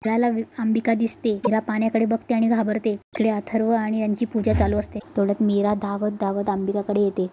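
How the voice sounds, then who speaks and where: A woman's voice: mid-range voice, monotone, brisk, hardly any pauses, mellow, slight background noise. A woman narrating a casual recap of a television serial episode, telling it plainly and often restarting her sentences. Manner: plain storytelling with frequent restarts.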